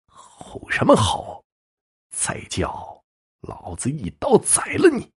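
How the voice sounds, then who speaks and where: A man's voice: fairly low pitch, wildly swooping pitch, a little slow, vocal fry, slightly rough, exaggerated voice. A man voicing a sly, leering young male thug who snickers and goads in a Chinese storytelling recording. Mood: threatening. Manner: sneering, snickering, goading.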